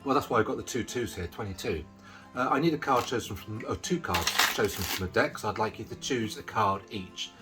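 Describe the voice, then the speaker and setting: Low-voiced middle-aged man doing card-trick patter. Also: expressive, brisk, over music. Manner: chatty, explaining as he handles cards. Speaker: card magician. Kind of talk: casual magic trick patter.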